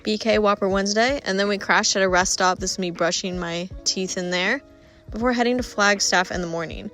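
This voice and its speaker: A woman's voice: mid-range voice, steady tone, brisk, a bit bright, faint music behind. A woman narrating her travel vlog in a chatty, upbeat voice-over. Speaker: travel vlogger.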